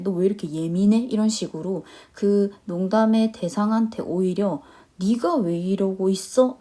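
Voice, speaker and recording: A young adult woman teaching an online lecture, reading phrases slowly and explaining them quickly with frequent checking questions. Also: medium pitch, dark tone. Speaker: English teacher.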